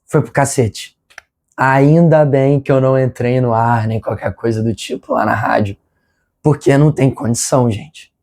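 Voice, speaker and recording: A Brazilian man casually hosting a fan vlog, his voice hoarse, congested and nasal with a smoker's rasp, rambling apologetically as he strains past a sore throat. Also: medium pitch, darkish tone. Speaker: football fan channel host. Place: his room at home.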